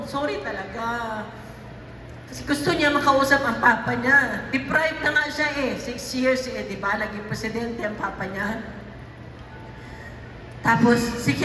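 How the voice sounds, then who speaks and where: A middle-aged woman giving a tearful personal speech to a gathering, halting often and restarting her sentences. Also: on the high side, bright, forceful tone, far from the mic, slight background noise. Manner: halting, with many restarts and fillers. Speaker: speaker addressing a gathering. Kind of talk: emotional personal storytelling speech. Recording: echoey hall, voice picked up from afar.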